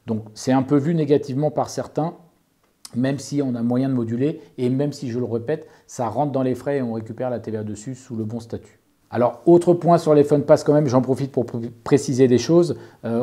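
With a warm, medium-pitched voice, a man responds to an interviewer as a property owner, explaining things informally and methodically and offering advice. He tends to rephrase his points while talking.

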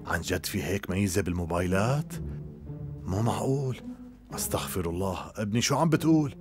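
A man's voice: low voice, lively intonation, brisk, over music. A man dubbing a worried older man buried in debts, groaning and exasperated, in a TV drama. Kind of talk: dubbed TV drama.

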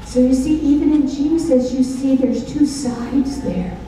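An older woman preaches a Bible study from a stage lectern, pausing to throw questions at her listeners. Her voice is very dark and mellow, and she speaks slowly and deliberately. She sounds distant in a large, echoey hall with faint ambience behind her. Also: sits high, a little hiss or hum. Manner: call-and-response questions, emphatic. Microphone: handheld mic.

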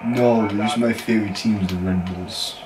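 A man's voice: on the low side, fairly even intonation, normal speed. Young man, American accent, casual joking banter, plays dumb, recorded from across a bedroom, noisy. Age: young adult. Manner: teasing, playing dumb. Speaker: contestant in a pronunciation challenge. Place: small bedroom. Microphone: camera a few feet away. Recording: roomy, distant mic with clear background noise.

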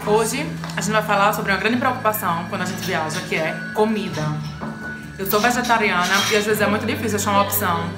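A woman giving friendly short vocabulary lessons, repeating each word slowly. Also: mid-range voice. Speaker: French teacher. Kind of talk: short scripted language lesson. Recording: loud music bed underneath.

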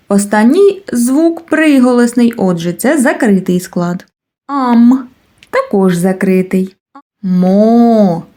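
A woman teaching a literacy lesson to preschool children, speaking slowly and drawing out each word clearly. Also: mid-range voice, dark tone. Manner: slow, clearly enunciated, drawing out words. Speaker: kindergarten teacher.

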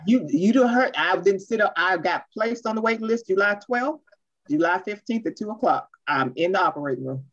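A woman leading an online church workshop, talking fast and animated. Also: mid-range voice. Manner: fast, animated, says she talks too fast. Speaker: workshop presenter. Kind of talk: online workshop, casual talk. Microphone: video call. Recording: lo-fi video call audio.

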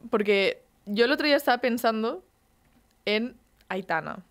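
A woman's voice: fairly high pitch, moderate pace. A young woman co-hosting a podcast in a radio studio, telling stories casually and swearing freely. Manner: chatty storyteller, swears casually. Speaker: podcast co-host. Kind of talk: casual chat.

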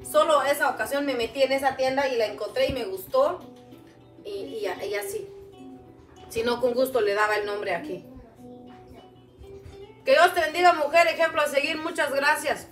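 A high-pitched woman from Guatemala, first language Chuj, chatting warmly with viewers as she hosts a cooking livestream. She talks into a camera set a little way off. The sound is roomy and echoey, with faint music behind her. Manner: warm, chatty, calls viewers "mamita". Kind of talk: casual livestream chat reading viewer comments. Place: home kitchen, indoors. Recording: echoey kitchen, distant mic.

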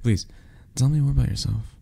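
A man voices a lonely, melancholy vampire for ASMR, soft-spoken and hesitant with a gentle, wistful nature. His voice is low and gravelly, the delivery brisk, and the mood fond and wistful.

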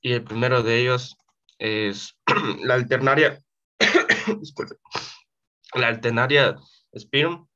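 A male student giving a polite, somewhat halting class presentation over a video call. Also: medium pitch, bright, forceful tone. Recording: dull lo-fi call audio.

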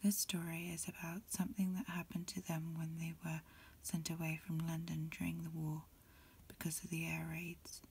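A woman reading a storybook in a breathy ASMR whisper, softly and unhurriedly, phrase by phrase. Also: sits low, completely flat delivery, moderate pace. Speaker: amateur reader. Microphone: lo-fi home recording.

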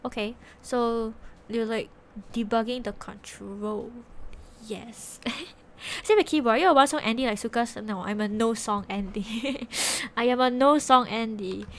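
This young adult Twitch streamer from Singapore has a fairly high voice and keeps a measured pace, with slight background noise audible. Chatting casually with live viewers from her small bedroom, she speaks Singaporean English into a desk mic with a headset. She often giggles and drifts off mid-sentence.

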